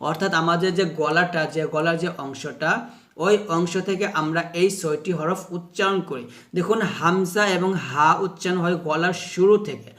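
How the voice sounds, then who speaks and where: A man teaching how to pronounce Arabic letters, explaining slowly, repeating himself and sounding out each letter to demonstrate. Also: fairly high pitch, a bit bright. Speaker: Quran recitation teacher.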